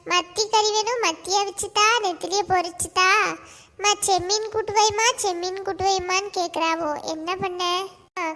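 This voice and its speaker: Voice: very high voice, sharp tone. A performer voicing a kind, eager neighbour woman in a cartoon, speaking reassuringly.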